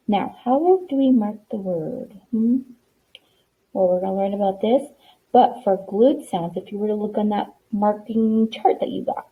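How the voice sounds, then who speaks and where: A woman's voice: medium pitch, husky. A woman teaching a spelling lesson, patient and encouraging, sounding out letters one by one. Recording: tinny lo-fi phone-like sound.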